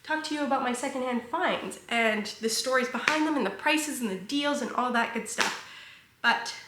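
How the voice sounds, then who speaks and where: A woman's voice: high voice, normal speed, echoey room, background noise. A young woman talking casually and playfully to viewers in a home vlog from her apartment. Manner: chatty and playful, confiding with viewers. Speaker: vlogger.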